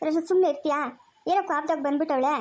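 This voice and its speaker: A woman playing a grown daughter in a family drama skit, exasperated and insistent as she tries to calm her mother. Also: sits high, very fast, natural voice.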